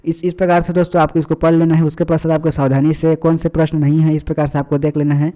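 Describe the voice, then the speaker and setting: A man works through an exam answer key as a tutor. His voice sits a little high for a man, with a mellow, relaxed tone. He keeps calling his viewers friends and often repeats himself and uses fillers as he goes. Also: fast. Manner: addresses viewers as friends, many fillers and repetitions.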